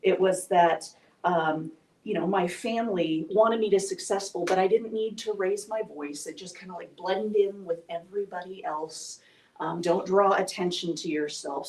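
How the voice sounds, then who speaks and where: Before a live audience at a speaker event in an event hall, a woman shares a candid, emotional personal story. Her voice is on the low side and a little mellow, and the recording comes from a distance with an echoey room sound.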